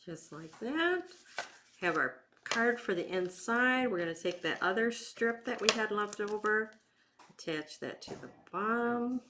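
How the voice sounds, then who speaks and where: A woman's voice: medium pitch, animated, noisy background. A woman giving a casual, step-by-step craft demonstration in an informal way, talking as she works with her hands. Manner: informal, unhurried, talking while working with hands. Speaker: craft instructor and bingo night host.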